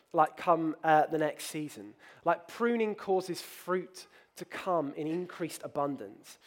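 A man preaching a sermon in a conversational, candid way, with frequent fillers and self-deprecating asides. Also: on the high side. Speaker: pastor.

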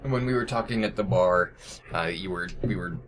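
A man's voice: low voice, normal speed, background noise. A man in casual chat among friends, listening closely and chiming in with details. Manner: attentive, chimes in with details.

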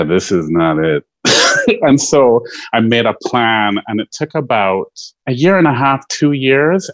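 Guy actor telling stories in an interview, laughs a lot, lively, dry close sound. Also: lowish voice, no echo, rough recording. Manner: chatty, laughs often, animated storytelling. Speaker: guest, stage actor. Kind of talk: casual interview chat.

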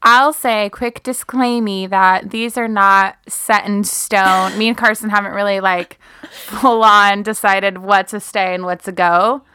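Young woman, eager podcast co-host, bright smooth voice, dry sound. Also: mid-range voice, a little slow, dry recording. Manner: eager, excitable, trails off and restarts. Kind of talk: casual chat.

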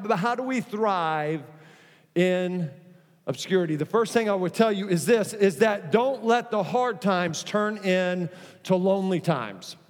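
A man preaching a sermon as pastor, emphatic and repetitive, with humorous asides. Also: sits high. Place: church auditorium. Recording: long reverb of a large hall.

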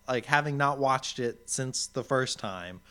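Guy with a mid-range voice cohosting a podcast, informal, kinda thinking out loud. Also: mid-range voice, a little slow, smooth. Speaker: podcast co-host. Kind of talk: casual chat.

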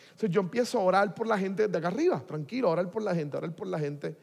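Animated preacher in a hall. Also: male voice, high-pitched, fast talker, gravelly. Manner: animated storytelling, swinging from hushed to loud. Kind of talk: sermon testimony. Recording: long hall reverb.

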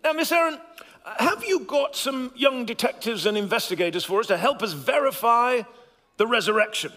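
A man doing a jolly, pompous gentleman detective, his voice very high and sharply bright. He draws out his words theatrically for a church stage skit, in a hall with long reverb. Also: expressive, exaggerated voice. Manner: plummy, theatrical, drawn-out emphasis.

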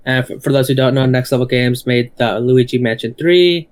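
Co-host, man, mid-pitched, halting news roundup full of fillers. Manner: hesitant, lots of uh and restarts. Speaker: podcast co-host. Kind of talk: casual gaming podcast chat.

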